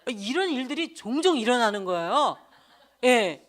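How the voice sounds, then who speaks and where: A middle-aged woman evangelist preaching a sermon, telling her own story in a candid, animated way. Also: a little high, normal speed.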